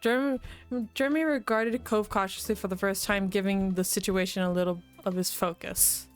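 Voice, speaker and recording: A woman's voice: medium pitch, fairly even intonation, moderate pace, clean tone, soft background music. A woman streamer reading a visual novel aloud with commentary, giggling often between lines.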